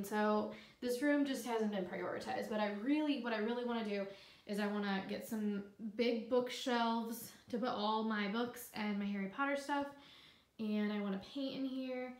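A young woman chatting casually in a home vlog, upbeat with fillers, in a small room. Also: fairly high pitch. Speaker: vlogger. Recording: roomy home recording with soft background music.

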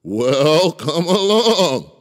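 A man's voice: a little high, very animated, drawn-out words, big-room sound, voice pushed up, exaggerated voice. A man doing a big bold billy goat. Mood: defiant. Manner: loud, defiant.

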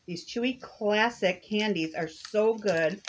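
A woman's voice: mid-range voice, slow, slight background noise. A woman on a living room couch, reading product blurbs aloud and adding short, dry verdicts. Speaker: snack box reviewer. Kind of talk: casual taste-test chat.

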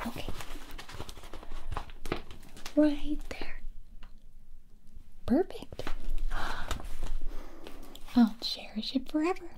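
A whispered role-play with a sweet, gushing young female character, acted by a woman. The delivery is very slow and lilting, with a high, soft tone and friendly cheer. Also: exaggerated voice.

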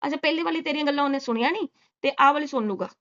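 A woman's voice: high voice, racing, fairly bright tone, muffled recording. A woman doing sarcastic reaction commentary, scolding and mocking with rhetorical questions. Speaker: reaction vlogger.

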